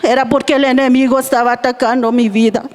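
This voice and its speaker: A woman's voice: high voice, flat delivery, fast, a little mellow. Earnest woman giving testimony. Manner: earnest, heartfelt storytelling. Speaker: church member giving testimony. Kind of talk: personal church testimony.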